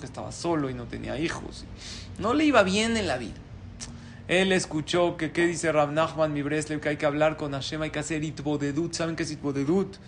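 Animated man teaching a sermon class. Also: fairly high pitch, slight background noise. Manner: animated storyteller, lively voice changes. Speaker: rabbi.

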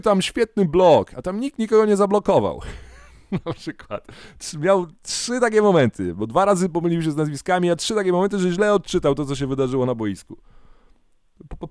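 Animated man rambling in casual chat. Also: on the high side, no room sound, studio quality. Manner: animated, rambling, self-correcting. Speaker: podcast co-host.

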